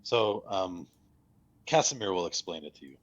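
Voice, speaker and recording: A man acting as game master, narrating a tabletop fantasy game casually and haltingly, thinking aloud. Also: low-pitched, lively intonation, highs cut off.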